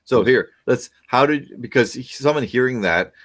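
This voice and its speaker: A middle-aged man joins a video call from his home office as a parenting expert guest, lecturing and asking question after question with frequent fillers. His voice is mid-range, animated and a bit bright, and he speaks at a normal speed.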